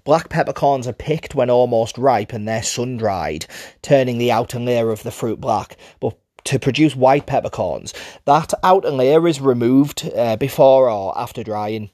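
A man's voice: medium pitch, measured pace, darkish tone, dry recording, studio quality. A man with a Middlesbrough Teesside accent, presenting an informal explainer for a spice brand. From Middlesbrough, England.

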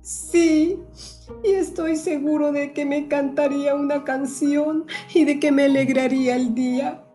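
A woman's voice: sits high, fairly even intonation, measured pace, dark tone, soft background music, voice pushed up. A woman voicing a tiny, lonely little boy parrot who speaks in a pleading, childlike way. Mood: tearful.

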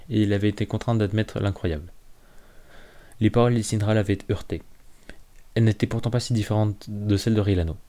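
Brief: male audiobook narrator, calm and measured, low mellow voice. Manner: calm, measured reading with small slips. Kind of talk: fantasy novel narration.

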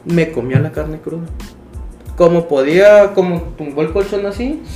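A young man with a Mexican accent telling a story in casual chat, slangy and animated, acting out quoted voices. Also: fairly high pitch, moderate pace. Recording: roomy sound with faint music.

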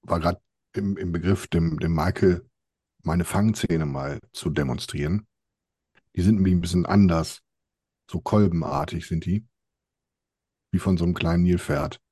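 A man playing a tabletop role-play, describing his character in a dry, deadpan way. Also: deep voice, moderate pace, long pauses, slightly rough, no room sound. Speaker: player.

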